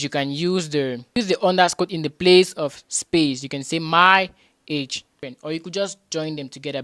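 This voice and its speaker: A man tutoring beginners in programming, patiently repeating each point and often pausing with hesitations and restarts. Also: on the high side, a bit bright, clear, resonant tone, dry recording. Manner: patient and repetitive, restates points with rhetorical questions.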